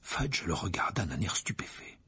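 Expressive male storybook narrator. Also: low voice, normal speed, slightly rough, whispered. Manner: expressive narration, voices all the figures. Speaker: audiobook reader.

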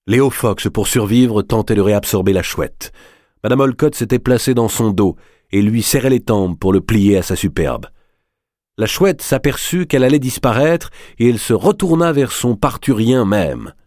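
Male audiobook narrator, low voice, measured and dramatic, dry close sound. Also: animated, a little mellow, no echo.

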